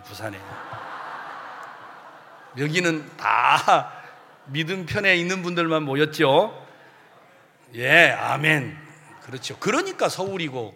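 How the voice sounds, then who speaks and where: A man preaching a sermon as pastor, animated and humorous, acting out the voices of churchgoers. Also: on the high side, vocal fry, a little hiss or hum. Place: church sanctuary. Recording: long hall reverb.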